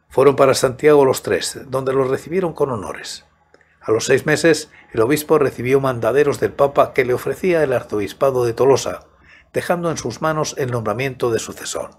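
An older man in his sixties narrates as an audiobook storyteller. His voice is husky and mid-pitched, with a measured, soft-spoken delivery close to the mic. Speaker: host and narrator of horror audiobook channel. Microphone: large studio microphone close to the mouth, headphones.

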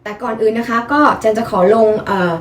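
A woman's voice: on the high side, fairly even intonation, fairly quick. A young woman chatting politely through a casual product review vlog, explaining each piece in turn. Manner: chatty, polite, frequent soft particles.

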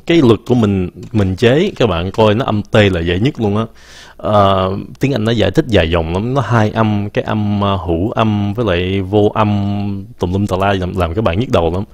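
Speaking in a low voice over a dry recording, a man casually streams a pronunciation lesson, drawing out words slowly and weaving English phrases into what he says.

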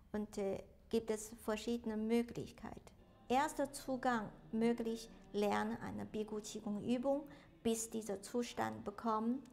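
A woman's voice: a little high, gravelly, darkish tone. A middle-aged woman explaining in broken, non-native German in an interview at home. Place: home study with bookshelves.

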